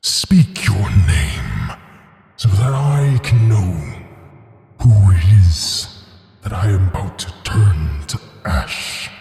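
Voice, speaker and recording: A man voicing a gigantic, menacing dragon in a tabletop game, with a booming, reverberating voice and a grandiose, threatening manner. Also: very animated, takes it slowly, creaky, a little mellow, faint music behind, full character voice. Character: gigantic menacing male dragon guarding treasure hoard. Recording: long cavernous reverb effect.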